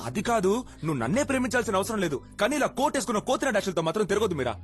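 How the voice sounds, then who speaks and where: A man's voice: high-pitched, sing-song, soft background music. An actor playing an eager, lovestruck young man who fawns over a girl in a Telugu accent. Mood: fawning. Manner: fawning, rapid-fire.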